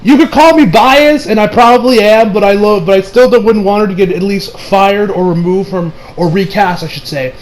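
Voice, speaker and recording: A man's voice: high voice, normal speed, few pauses, poor audio. A young man giving casual, rambling commentary, full of fillers and casual swearing. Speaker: online commentator.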